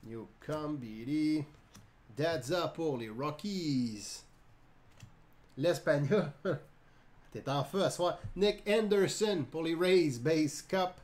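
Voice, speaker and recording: Man, Quebec French accent, card break host, slow easy delivery, jokes with chat. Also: fairly high pitch, darkish tone. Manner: chatty, laughs often, jokes with live viewers. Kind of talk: live card-opening commentary.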